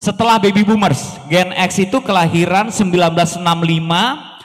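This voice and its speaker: A man in his forties giving a seminar talk in a church hall, lively and often asking the audience questions. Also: high voice, moderate pace. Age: 40s. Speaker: seminar speaker. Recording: long reverb of a large hall.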